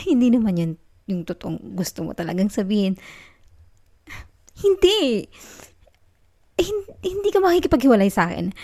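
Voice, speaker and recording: In an intimate ASMR roleplay, a woman voices a young Filipino student girlfriend who is clingy, possessive and in denial, refusing to let go. Her soft, mellow, slightly high voice carries a creaky fry and is recorded very close and dry with no room sound. She pleads tenderly, sounding desperate.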